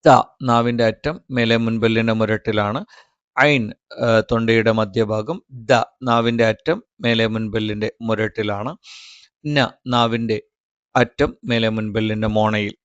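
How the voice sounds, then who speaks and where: Slow, careful male recitation teacher. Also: fairly low pitch, steady tone, clear, resonant tone, lo-fi sound. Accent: Malayali. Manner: slow, careful articulation of each letter. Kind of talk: step-by-step pronunciation lesson.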